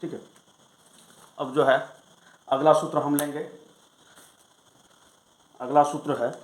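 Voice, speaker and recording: A male Sanskrit grammar teacher explaining rules in a lesson, reciting them slowly and then asking and answering his own questions. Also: a little high, level tone, reverberant, low-quality recording. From Bihar, India.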